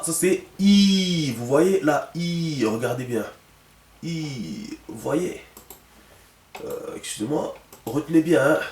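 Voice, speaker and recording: A man's voice: medium pitch, darkish tone. A man teaching a lesson, patient and checking often that the viewer follows. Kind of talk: instructional video lesson. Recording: echoey room.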